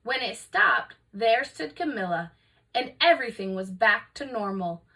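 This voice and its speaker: Bright, creaky-voiced woman reading a storybook. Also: a little high, animated, measured pace, distant mic. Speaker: storybook reader for remote learning. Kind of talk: expressive scripted children's read-aloud narration.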